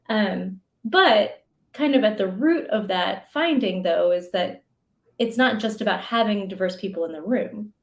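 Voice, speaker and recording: A woman speaking as an interview guest, working through her ideas with fillers and small asides. Her voice sits at a medium pitch. It carries a noticeable roomy echo. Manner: thoughtful, many fillers and asides, laughs often. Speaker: podcast guest, educator. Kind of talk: conversational interview answers.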